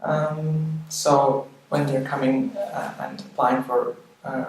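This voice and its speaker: A man explains the organisers' aims in a hesitant interview, his voice at ordinary pitch. He is heard from some distance in a strongly echoing room. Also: steady tone, slow, a little mellow, slight background noise. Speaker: festival organiser. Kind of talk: interview commentary. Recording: very echoey room, mic far off.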